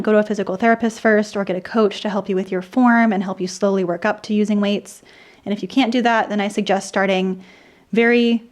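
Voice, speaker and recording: A woman presenting an explainer video, her voice dry and croaky, dropping into vocal fry at the ends of sentences. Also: mid-range voice. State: dry, croaky, irritated throat. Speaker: host of an explainer video channel. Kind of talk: scripted explainer narration with personal asides.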